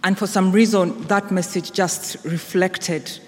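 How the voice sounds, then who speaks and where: A woman's voice: lowish voice, fairly even intonation, unhurried, darkish tone. A woman with a Kenyan accent giving an informal personal testimony to a congregation. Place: large indoor church or hall. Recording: echoey hall with long reverb.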